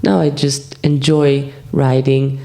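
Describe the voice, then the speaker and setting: Relaxed gravelly woman in her thirties. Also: a bass voice, slow. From Belgium. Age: 30s. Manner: relaxed, many fillers, laughs often. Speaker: horse trainer, guest. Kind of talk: casual interview.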